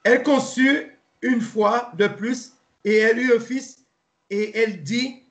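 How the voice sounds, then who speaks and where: A man leads a relaxed Bible study, speaking in a fairly high voice. He stops and restarts often and spells out names letter by letter. The room around him is echoey. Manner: halting, repeats words, spells names letter by letter. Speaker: Bible teacher. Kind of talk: informal Bible study lesson. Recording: roomy echo.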